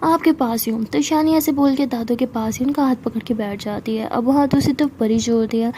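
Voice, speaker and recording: A woman's voice: fairly high pitch, mellow, slightly rough. A woman telling a love story in a chatty, conversational way, voicing every character herself. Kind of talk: casual spoken storytelling.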